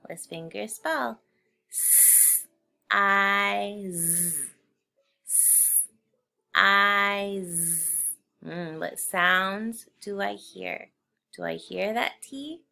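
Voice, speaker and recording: Slow, gravelly-voiced woman teaching phonics. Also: mid-range voice, lively intonation, bright, forceful tone. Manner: slow, patient, clearly sounds out each letter. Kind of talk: phonics spelling lesson.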